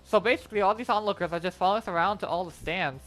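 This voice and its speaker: A woman hosting a let's-play, joking loudly and reading the story aloud over game music. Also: medium pitch, rapid-fire. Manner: loud, joking, reads dialogue aloud. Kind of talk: casual game commentary.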